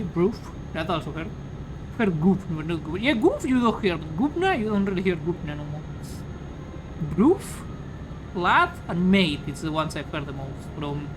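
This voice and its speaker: A woman's voice: fairly low pitch, noisy background. Joking Spanish-accented woman streamer. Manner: rambling, crude, joking. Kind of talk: casual chat while gaming. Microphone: studio mic with pop filter.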